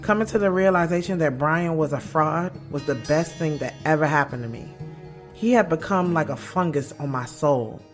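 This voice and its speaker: Over a music bed, a woman with a low, near-everyday voice and moderate pace plays a guarded, blunt young author in an audio drama. In first-person narration and dialogue she talks about her love life candidly, with slang and sass, in a reflective, frank mood.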